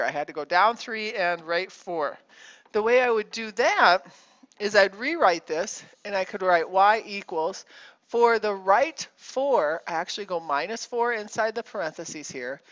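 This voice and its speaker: A woman teaching a recorded math lesson in a casual, chatty way, with fillers and quick self-corrections as she thinks aloud. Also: mid-range voice, fairly bright tone, muffled recording.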